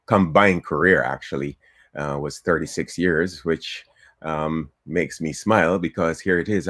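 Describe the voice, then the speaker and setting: A man's voice: low voice, fairly bright tone, no room sound, clean studio sound. An older man from Trinidad and Tobago, a political candidate being interviewed on a talk show, chatty with frequent ums and easy laughter.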